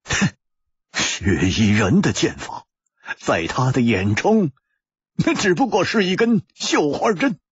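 A tormented young assassin, acted by a male storyteller, torn by loyalty and halting over his words. His voice is husky and breathy, and the dry recording sounds dull and muffled. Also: a little high, big pitch swings, dry recording, pitched above the performer's own voice, exaggerated voice. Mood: grim. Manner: halting, stammering. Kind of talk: pingshu storytelling.

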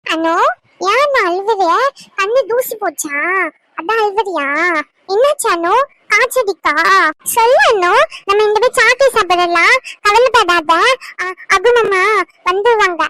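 A woman's voice: very high-pitched, unhurried, a bit bright. A woman voicing an innocent, caring little boy in a cartoon, talking in a childish way with baby-talk slips. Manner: childish, lisping mispronunciations. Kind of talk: cartoon voice acting.

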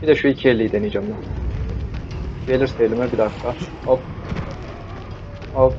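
Brief: young male gamer, jokey chatter at the zombies, dull lo-fi mic, steady hiss behind. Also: mid-range voice, brisk. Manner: joking, talks to the zombies, bursts into yells. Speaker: gameplay streamer. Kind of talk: casual let's-play commentary.

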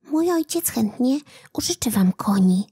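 A woman voicing a helpful young peasant boy in a storybook legend, in a raised, soft, often whispered voice. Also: on the high side, expressive, unhurried, husky, pitched above the performer's own voice, full character voice.

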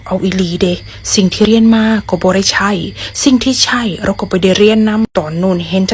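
A woman's voice: medium pitch, fairly even intonation, brisk, husky. A young woman with an Isan Thai accent, chatting playfully in a vlog and acting out English phrases. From Thailand. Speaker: vlogger teaching English. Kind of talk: casual storytelling vlog.

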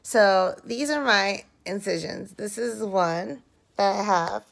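A vlogger in her thirties, lying in bed at home, records a casual video diary into a phone held at arm's length. Hoarse and very tired after surgery, she speaks slowly, drowsily and ramblingly. Her medium-pitched voice sounds rough and dry-mouthed.

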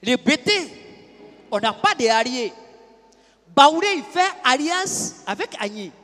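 A man telling a stand-up story in an animated, chatty way. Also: very high-pitched, takes it slowly, in a large hall. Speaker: stand-up comedian.

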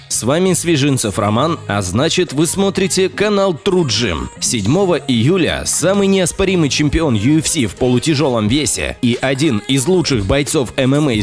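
A man hosting his channel in an upbeat, promotional voice-over. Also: mid-range voice. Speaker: channel host and translator. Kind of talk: energetic voice-over presentation. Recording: voice-over with loud music behind.

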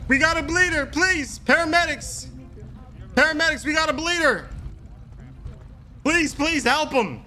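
Bright, excitable young man role-playing. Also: extremely high pitch, unhurried, pauses often. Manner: loud and frantic when urging, laid-back when chatting. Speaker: streamer playing a good samaritan character. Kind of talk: improvised game role-play over voice chat. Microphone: desk mic with webcam.

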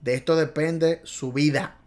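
A man's voice: fairly high pitch, steady tone, a little slow, darkish tone. Exuberant man teaching driving theory. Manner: exuberant, playful, repetitive. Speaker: driving test tutor. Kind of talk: video lesson.

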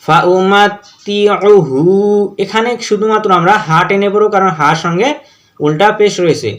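A man teaching Quran reading, spelling out verses letter by letter, then chanting them slowly with brief rapid explanations. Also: sits high, fairly bright tone. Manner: slow drawn-out recitation, quick asides explaining rules.

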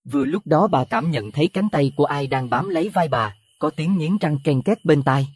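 A man narrating a Buddhist horror audio story in an expressive, dramatic way. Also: a little high, normal speed, slightly rough, no room sound. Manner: expressive, rising to alarm at scary moments.

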